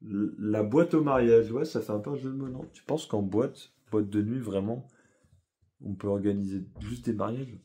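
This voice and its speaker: A young man chats through a personal story in a loose, rambling way. He talks in slang and keeps restarting his sentences. His voice sits a little low. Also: normal speed, mellow. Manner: rambling, slangy, with frequent fillers and self-corrections. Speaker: vlogger. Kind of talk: casual storytelling vlog.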